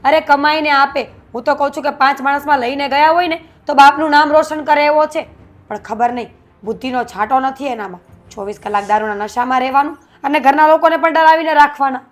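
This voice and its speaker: An actress playing a young married daughter who speaks in a subdued, bitter tone. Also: female voice, sits high, fairly quick, close to an everyday voice. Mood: weary. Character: young wife, weary and resentful. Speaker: married daughter staying at her mother's home. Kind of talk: short film acting. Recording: faint background music. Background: faint music.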